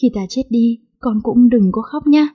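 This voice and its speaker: A woman voicing a frail, dying old father who speaks slowly and tenderly to his daughter. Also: fairly high pitch, mellow, husky.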